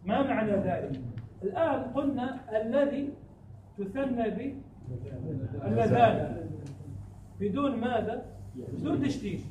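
A man teaching a classroom lesson in a high voice, pausing to fire questions at his students and chanting verse lines slowly. He sounds far from the mic in an echoey room, with faint background noise. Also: animated, warm tone. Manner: quizzes students with repeated questions. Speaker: teacher of Arabic grammar.

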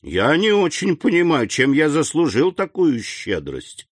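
A man's voice: medium pitch, expressive, unhurried, dry recording. A man voicing a humble middle-aged prison gatekeeper, deferential and eager in an audiobook reading.

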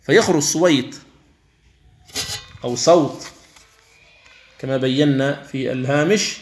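Slow, deliberate male recitation teacher. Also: medium pitch, a little hiss or hum. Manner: slow, careful explanation that breaks into drawn-out recited examples; demonstrates the wrong pronunciation, then the right one. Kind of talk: Quran recitation lesson.

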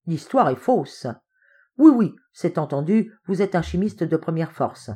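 A woman reading an excitable young man who argues his point with eager, insistent triumph. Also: on the high side, unhurried, slightly rough. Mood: triumphant. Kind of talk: audiobook character reading.

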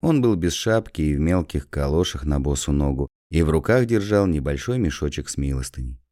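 A man narrating a classic story in a measured storytelling way. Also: a bass voice, expressive, warm tone, no echo, clean studio sound.

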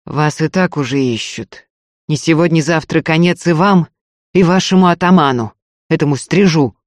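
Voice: mid-range voice, normal speed, no room sound, lightly acted. A reader voicing a proud young noblewoman who answers robbers in a haughty, clipped manner. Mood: cold.

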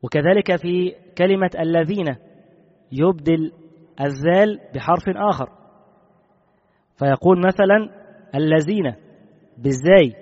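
A man teaching a classical religious law text, in a measured way that repeats key rulings. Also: fairly high pitch. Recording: dull recording with long reverb.

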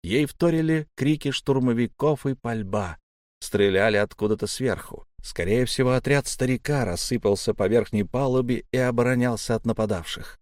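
Steady male audiobook narrator. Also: medium pitch, moderate pace, no echo, studio quality. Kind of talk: scripted first-person narration.

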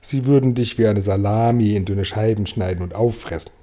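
A man's voice: on the low side, fairly quick, mellow, natural voice. A man voicing a cheeky, boastful centipede in a storybook, brash and mocking.

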